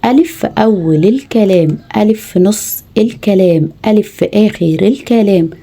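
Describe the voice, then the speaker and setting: A woman with an Egyptian Arabic accent and a mid-range, dark voice speaks fairly quickly. In a home tutoring lesson, she teaches mothers how to tutor their children, patiently spelling out letters one by one.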